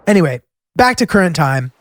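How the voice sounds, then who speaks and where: A man's voice: a little high, very animated, normal speed, slight background noise. A man hosting a travel series, telling his road trip in scripted narration with wry, self-deprecating humor.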